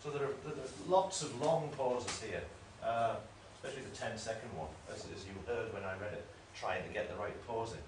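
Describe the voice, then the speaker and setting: A man's voice: mid-range voice, a little fast, hardly any pauses. A man giving an academic lecture in a discursive, explanatory way, often correcting himself. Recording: roomy room, mic at a distance, faint noise.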